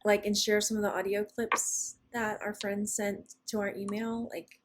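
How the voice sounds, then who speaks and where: A woman co-hosting a casual spiritual podcast, telling stories animatedly and often pausing to search for words. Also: medium pitch, flat delivery, slight background noise. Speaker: podcast co-host.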